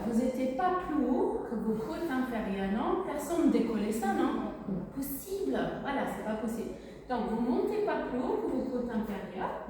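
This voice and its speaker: A woman leading a pilates class, cueing breath and movement in brisk commands with a teasing edge. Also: high voice, darkish tone. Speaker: pilates instructor. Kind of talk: live class instruction. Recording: echoey, distant, noisy room.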